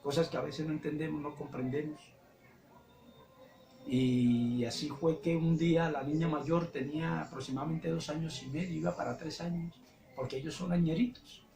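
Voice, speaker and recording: A man's voice: fairly high pitch, fairly even intonation, fairly quick, creaky, a little mellow. A man with a Colombian accent giving an earnest religious testimony, repeating phrases as he recounts. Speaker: testimony speaker. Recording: echoey room with background music.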